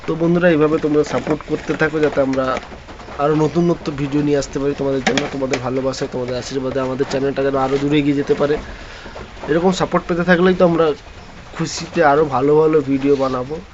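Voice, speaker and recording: A man's voice: on the high side, fairly even intonation, fast. Chatty man vlogging on a phone. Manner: chatty, rambling with many restarts. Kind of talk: casual home vlog. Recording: dull lo-fi phone audio with faint noise.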